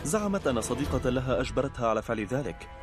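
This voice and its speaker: A man giving scripted narration for a documentary in an even, informative way. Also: mid-range voice. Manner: fast, even, informative delivery. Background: faint music.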